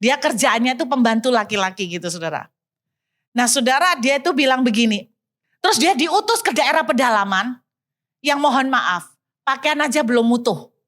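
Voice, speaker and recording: High-voiced woman preaching with a lilt. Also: normal speed. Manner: animated, addresses the congregation often, mixes in English phrases. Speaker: pastor. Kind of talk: sermon storytelling.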